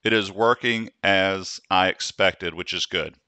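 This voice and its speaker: Slow, deliberate man demonstrating dictation. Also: deep voice, steady tone, sharp tone, clean tone, dry recording. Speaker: software tutorial host. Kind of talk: screen-recorded software tutorial.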